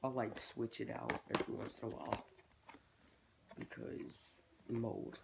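This male voice belongs to a teenage boy who vlogs about reptile keeping, talking casually about his hobby indoors in a small bedroom as he works. Stuffy with a cold, he rambles and thinks aloud in a mid-range, level, unhurried voice with vocal fry. It's a noisy home webcam recording.

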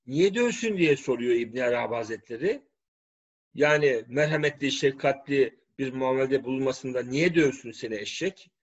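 A man's voice: mid-range voice, normal speed. A man delivering a preachy, scornful religious-political commentary monologue. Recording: dull lo-fi recording.

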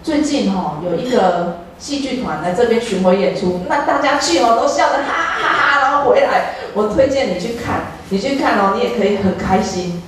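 A woman's voice: mid-range voice, animated, normal speed, hardly any pauses, a little hiss or hum, close to an everyday voice. A woman voicing a kindly male doctor who gives friendly advice, within a retold story in a sermon. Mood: cheerful. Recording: echoey church hall, distant mic.

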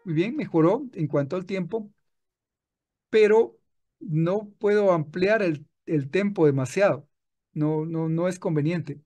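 A man teaching music software in a screen-recorded tutorial, patient and explaining step by step with frequent restarts. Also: high-pitched, a little slow.

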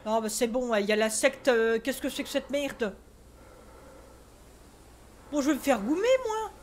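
Jumpy high-voiced French woman streamer. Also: animated, measured pace, a little hiss or hum. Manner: jumpy, swearing, talking to herself while scared. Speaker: gaming streamer. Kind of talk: let's play commentary.

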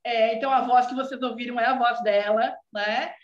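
In her forties and from southern Brazil, a woman with a gaúcha accent talks as a student guest on a casual video call from an indoor room at home. Her high voice holds a steady tone and runs a little fast, warm, earnest and chatty, peppered with "né". The laptop-mic audio is dull and roomy.

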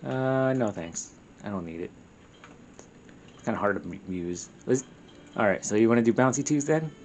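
A man's voice: mid-range voice, expressive, normal speed, darkish tone, a little hiss or hum. A man chatting casually while playing a co-op video game, laid-back, chuckling, often trailing off mid-sentence. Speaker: co-op game player. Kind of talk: casual gameplay chat.

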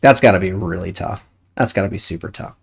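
A woman's voice: extremely low pitch, fast talker, gravelly, breathy edge. A woman streaming a video game, chatting casually and thinking aloud as she plays. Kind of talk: casual chat while playing a game.

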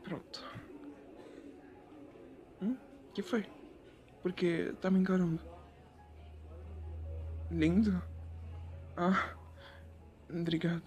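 A man voicing a shy, sweet young male photographer in a whispered role-play, talking softly and bashfully to the listener. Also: high voice, steady tone, drawn-out words, long pauses, dull audio. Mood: gentle. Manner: soft, gentle and bashful, addressing the listener.

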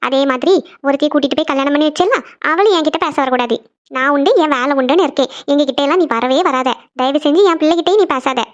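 A woman's voice: sits high, fast talker, highs cut off, lightly acted. A woman voicing a bitter, grieving middle-aged aunt in a cartoon, scolding coldly. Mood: stern scolding. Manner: cold, scolding. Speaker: cartoon voice actor. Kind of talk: cartoon voice acting.

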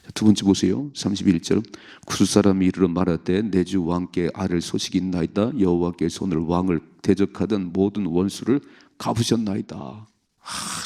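A man preaches at a dawn prayer service in a low, gravelly, somewhat husky voice. His delivery swings from loud to hushed as he acts out the voices in the story. The tone stays emotional throughout. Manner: acts out voices of parents, David and the devil in quoted lines. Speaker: pastor.

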